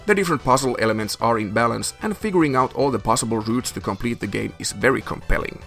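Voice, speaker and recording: A man's voice: medium pitch, expressive, quick pace, creaky, a bit bright. A man narrates a scripted video game review over background music. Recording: music behind the voice.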